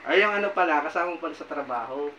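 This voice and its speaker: Stern, high-voiced healer. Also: male voice, lively intonation, fast, highs cut off, a little hiss or hum. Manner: stern and commanding, scolding with repeated "ha?"; loud, forceful voice that drops to quiet asides. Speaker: folk healer. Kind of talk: spontaneous healing ritual, addressing a patient and viewers.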